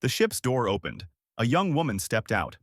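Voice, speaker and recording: Male narrator for sci-fi audio fiction, animated delivery, dry close recording. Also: medium pitch, normal speed, dry recording. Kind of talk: scripted narration.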